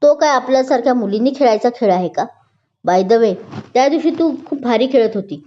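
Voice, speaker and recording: Woman voicing a gentle, caring college friend. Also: fairly high pitch, expressive, brisk, close to an everyday voice. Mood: sincere. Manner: gentle, sincere. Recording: dull lo-fi recording.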